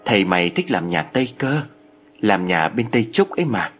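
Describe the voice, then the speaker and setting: A rough laborer jeers and taunts in a story reading, played by a man. He speaks loudly, his voice rising sharply. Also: lowish voice, big pitch swings, brisk, faint music behind. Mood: taunting. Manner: taunting, loud. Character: rough mocking male laborer.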